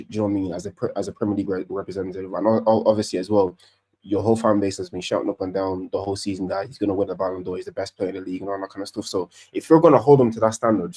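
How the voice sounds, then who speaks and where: A man co-hosting a casual football podcast, talking in an animated, rambling way with many restarts. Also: on the low side, slightly rough. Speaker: podcast co-host, Arsenal fan.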